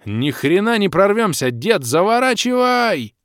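A man voicing an impatient, brash young male adventurer who talks bluntly and shouts a lot. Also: mid-range voice, very animated, normal speed, no echo, studio quality, lightly acted. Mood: shouting.

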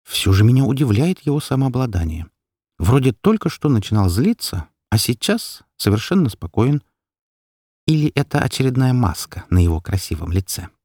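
A man narrating a first-person story in an expressive, lively storytelling manner. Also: medium pitch, moderate pace, no room sound, studio quality. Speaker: audiobook narrator.

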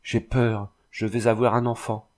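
A man's voice: lowish voice, level tone, measured pace, darkish tone, lightly acted. A man reading aloud, voicing a frantic, tearful young woman in a storybook. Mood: hushed fear. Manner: wailing in dread.

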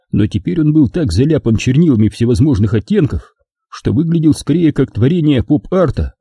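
Male audiobook narrator, animated wry delivery, deep mellow tone, dry. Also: breathy edge, no echo. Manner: wry, expressive storytelling. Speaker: audiobook reader. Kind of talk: first-person audiobook narration.

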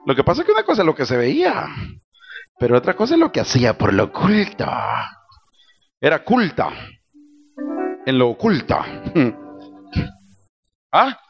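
Lively preaching pastor, lo-fi. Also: male voice, fairly high pitch, normal speed, pauses often. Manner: preaching with call-and-response to the congregation; swings between loud calls and soft asides. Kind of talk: sermon. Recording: dull lo-fi church recording with music.

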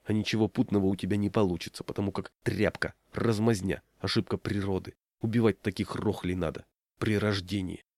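A man narrating a story in a measured, ironic way. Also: fairly low pitch, fairly even intonation, a little mellow, no echo, studio quality. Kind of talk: audiobook storytelling.

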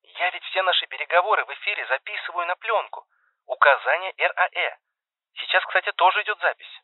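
A man's voice: sits high, expressive, fairly quick, dry recording, voice pushed up. A man voicing a flustered, unsure male polar radio operator, heard through a radio transceiver. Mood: eager. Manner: unsure, apologetic, eager to please. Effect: radio transceiver filter. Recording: tinny radio-line sound.

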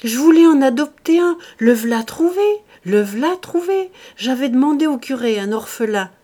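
A woman's voice: medium pitch, lively intonation, moderate pace, breathy edge. A woman reading aloud, voicing a bluff middle-aged male farmer with rustic, repetitive speech. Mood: jovial.

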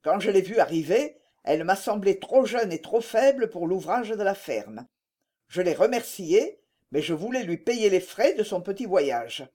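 A woman's voice: medium pitch, very animated, moderate pace, mellow. A woman doing a sly, shameless farmer. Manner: smooth, feigned indifference.

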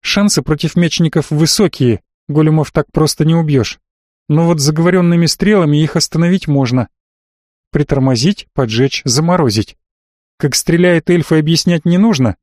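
A man reading the part of a sharp-tongued young female mage in an audiobook, with curt, snappish delivery. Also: fairly high pitch, moderate pace, dry recording, clean studio sound, close to an everyday voice. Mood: explaining. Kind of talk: audiobook narration.

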